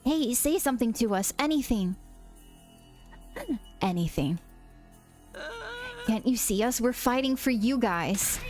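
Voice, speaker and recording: A woman's voice: fairly high pitch, expressive, a little slow, long pauses, faint music behind. A woman reading as a desperate young man pleading. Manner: pleading, shouting questions.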